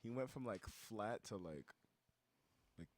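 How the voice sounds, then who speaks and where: Animated man telling a story. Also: on the low side, unhurried. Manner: animated storyteller, acts out quoted voices, laughs often. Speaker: podcast co-host. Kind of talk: casual storytelling chat.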